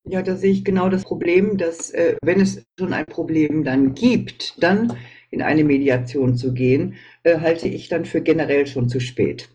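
A man with a fairly high, husky voice puts a question in an online meeting. He is polite and gropes for words, with small fillers between phrases. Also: unhurried, darkish tone.

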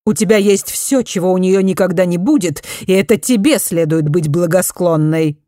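Woman doing a stern aristocratic mother, slow prim delivery, slightly raised voice, dry audiobook sound. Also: lowish voice, mellow, dry recording, close to an everyday voice.

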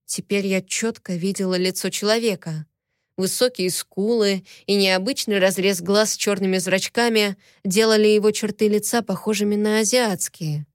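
A woman narrating a first-person audiobook in a steady, expressive reading voice. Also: mid-range voice, moderate pace, no room sound, studio quality.

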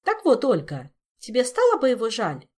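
A woman's voice: fairly high pitch, wildly swooping pitch, normal speed, darkish tone, slightly rough, pitched above the performer's own voice, exaggerated voice. A woman reading an audiobook, voicing a stern queen who explains things in a frowning, matter-of-fact way. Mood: commanding. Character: stern, reasoning young queen.

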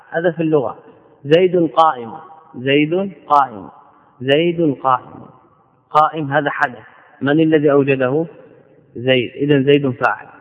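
A man teaching Arabic grammar in a lecture, repeating key phrases and asking himself questions before answering them. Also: on the high side. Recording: tinny lo-fi lecture recording in a reverberant hall.

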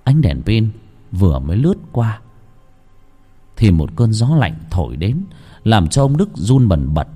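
A man narrating a ghost story in a dramatic, lively storytelling manner. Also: lowish voice, a little slow, pauses often, husky, soft background music.

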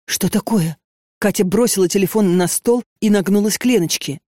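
Female audiobook narrator, measured reading, dry close sound. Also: medium pitch, dark tone, dry recording. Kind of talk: scripted narration.

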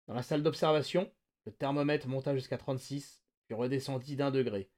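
A man hosting a podcast, reading a novel aloud with lively, dramatic narration. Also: mid-range voice. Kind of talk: expressive read-aloud narration.

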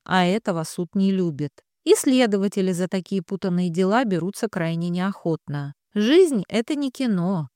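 A woman's voice: mid-range voice, no room sound, clean studio sound, natural voice. A woman voicing a male police detective who talks matter-of-factly and wryly, explaining a case. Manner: matter-of-fact, lecturing, wry. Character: gruff male police captain, sardonic, world-weary.

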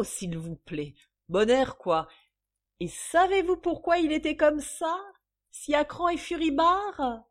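A woman reading a novel aloud, voicing a brash, mocking young demimondaine. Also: fairly high pitch. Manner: loud, mocking, slangy.

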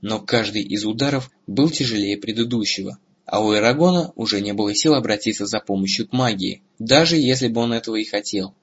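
A man narrating a fantasy audiobook in a steady, dramatic storytelling manner, with a husky voice. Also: lowish voice, brisk, few pauses, muffled recording. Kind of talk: scripted narration.

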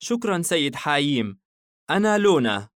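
A man's voice: fairly high pitch, sing-song, normal speed, fairly bright tone, dry recording, clean studio sound, voice pushed up. A man voicing a small, shy and polite young woman who helps in a shop, timid and anxious.

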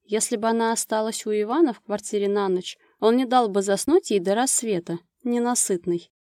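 A woman narrating a romance novel as an audiobook, with smooth, expressive storytelling. Her voice is dark and mellow, at an ordinary pitch for a woman. The recording is dry and close, with no room sound. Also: brisk, dry recording.

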